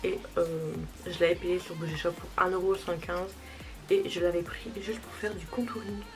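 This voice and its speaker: A woman's voice: fairly low pitch, fairly even intonation, moderate pace, music in the background, poor audio. A young woman chatting casually through a makeup tutorial, self-deprecating and talking while she applies products. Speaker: beauty vlogger.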